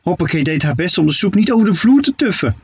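A male storyteller reading a children's tale with a lively, playful lilt. His voice is husky and somewhat high, and it comes across dull and muffled. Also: quick pace, no room sound. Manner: playful, expressive storybook narration.

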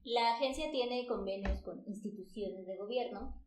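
A woman's voice: fairly high pitch, moderate pace, slight background noise. Mexican woman telling stories in a roomy room. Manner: lively storyteller, fillers like "o sea" and "pues". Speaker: travel agency CEO, guest. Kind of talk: casual podcast chat. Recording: roomy echo.

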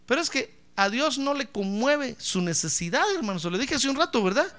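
A male pastor preaching a sermon, emphatic and repetitive, swinging from hushed asides to loud cries. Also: very high voice, expressive, a little fast.

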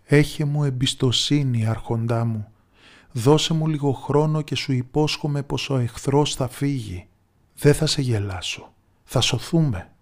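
A man voicing a wise old village woman in a storybook tale, speaking calmly and with certainty. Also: medium pitch, natural voice. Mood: calm resolve. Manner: calm, steady, confident.

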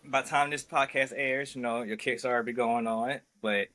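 A man hosting a comics podcast, asking relaxed, rambling questions in a casual way. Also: mid-range voice, normal speed. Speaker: podcast host. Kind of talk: casual interview.

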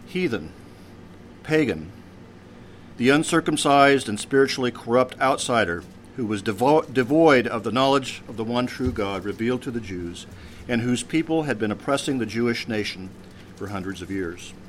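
A priest giving a measured sermon, his voice dropping at the end of phrases. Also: medium pitch, fairly bright tone, a little hiss or hum. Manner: measured preaching with pauses, voice drops at phrase ends.

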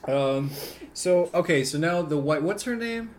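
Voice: mid-range voice, expressive, unhurried, slight background noise. A podcast co-host recapping a movie in casual chat, rambling and often breaking into laughter.

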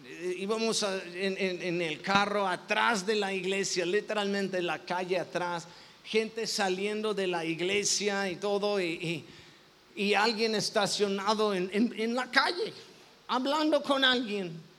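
A man's voice: high-pitched, unhurried, pushed and bright. A man, a pastor, telling a personal story in a sermon, with many restarts and self-corrections. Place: church.

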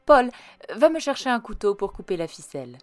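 A woman reading aloud gives voice to a kind and composed mother from an old storybook, speaking gently and instructively to the children. Her speech moves with a lively, melodic rise and fall over faint background music. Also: fairly high pitch, a little fast, no room sound, pitched above the performer's own voice. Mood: gentle.

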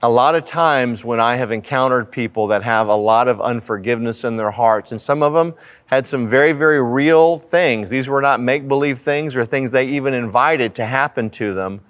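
Casting: male pastor, medium-pitched, conversational and earnest Bible study preaching, building points through repetition. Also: normal speed, a bit bright. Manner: conversational, earnest teaching with repeated phrasing. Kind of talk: Bible study sermon with prayer. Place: church sanctuary.

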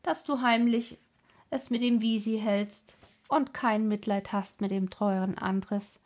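A woman voicing an earnest, sorrowful sister in a read-aloud story, speaking in a breathy tone. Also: medium pitch, steady tone, slow, darkish tone. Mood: indignant. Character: earnest, devoted sister telling a sad tale.

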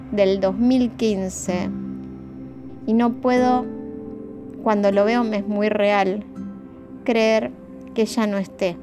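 A woman podcast host with a Rioplatense Spanish accent, speaking in a heartfelt, emotional way and addressing her listeners directly. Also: medium pitch. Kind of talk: reflective podcast monologue. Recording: music playing behind the voice.

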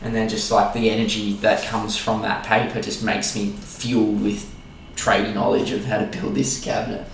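A man's voice: on the low side, monotone, normal speed, echoey room, a little hiss or hum, low-quality recording. A man in his twenties with an Australian accent, co-hosting a casual podcast and rambling with fillers and swearing, recorded in an apartment. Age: 20s. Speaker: podcast co-host. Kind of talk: casual chat.

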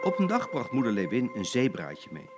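Grandfather narrator for a bedtime story: older man, lively and animated reading. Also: mid-range voice, normal speed, loud music behind the voice.

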